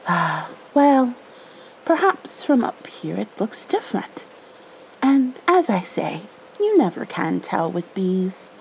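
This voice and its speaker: A woman voicing Winnie the Pooh as an earnest, anxious little storybook bear with a solemn, deliberate delivery. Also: medium pitch, sing-song, gravelly, darkish tone, a little hiss or hum, full character voice, low-quality recording. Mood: anxious, hopeful.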